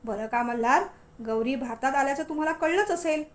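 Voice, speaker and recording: A woman's voice: high-pitched, a little fast, natural voice. A woman doing a stern elderly businessman father. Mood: commanding.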